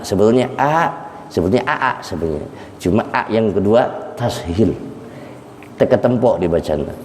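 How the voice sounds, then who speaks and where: A man teaching a Quran exegesis lesson, slowly repeating and drawing out recitations for his students. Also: low voice, warm tone, slight background noise. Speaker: Islamic teacher. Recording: echoey hall, faint ambience.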